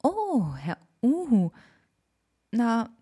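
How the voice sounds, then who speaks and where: A woman's voice: a little high, huge pitch swings, very slow, dark tone, breathy edge, pitched above the performer's own voice, full character voice. A woman voicing a lost young woman in a storybook, wondering and plaintive. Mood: wondering, weary. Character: lost, weary young woman wandering a forest.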